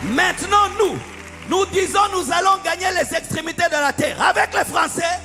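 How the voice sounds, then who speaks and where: Fiery preacher, high gravelly voice. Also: male voice, moderate pace. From DR Congo. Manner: fiery preaching, often shouting and sing-song. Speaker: pastor. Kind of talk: sermon. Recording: echoey hall with faint music.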